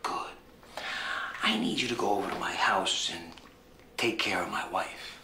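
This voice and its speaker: An actor playing a gruff, impatient mob boss. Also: male voice, fairly high pitch, sing-song, a little fast, reverberant, noisy background. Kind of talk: sitcom acting.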